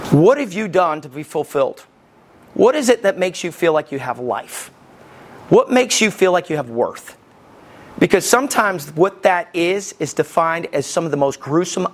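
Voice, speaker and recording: A man, preaching a sermon as lead pastor from Alabama with folksy, animated storytelling. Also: sits high.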